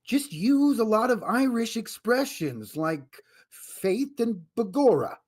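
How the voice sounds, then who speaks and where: A woman playing a fast-talking, wisecracking man who calls his girlfriend "chicken" in a radio comedy. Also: a little high, very animated, darkish tone, exaggerated voice. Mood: scheming. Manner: smooth, fast-talking, slangy. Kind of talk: amateur radio drama reading.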